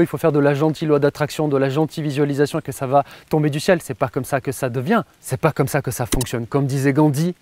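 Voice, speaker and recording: A man delivers a motivational coaching talk, driving his points home with repeated phrases. His voice sits a little high for a man and the sound is dry and close, with no room echo. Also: darkish tone. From France. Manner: emphatic, repeats phrases for effect.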